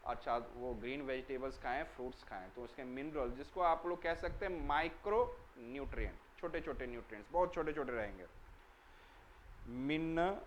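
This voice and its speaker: A man's voice: mid-range voice, moderate pace, slight background noise, low-quality recording. A man teaching a lesson for children, asking questions and answering them himself, repeating key words and spelling some out letter by letter.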